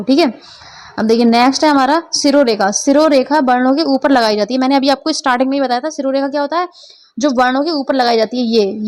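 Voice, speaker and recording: A woman teacher walks through an exam-prep lesson one step at a time and keeps pausing to ask whether everyone follows. Her voice sits high. The recording is close and dry, with no room sound. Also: no echo. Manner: explains step by step, often checks understanding.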